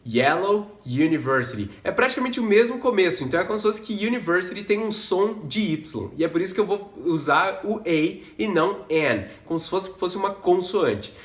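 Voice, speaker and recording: A man's voice: high-pitched, lively intonation. Man teaching English in a roomy echo. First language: Portuguese. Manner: explains patiently, slows down to model English words. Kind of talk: casual explanatory lesson.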